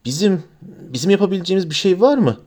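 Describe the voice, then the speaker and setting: A man's voice: sits high, expressive, quick pace, a little mellow, voice pushed up. A man voicing timid schoolgirl Hermione. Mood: earnest. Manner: timid and earnest. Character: anxious, earnest schoolgirl witch.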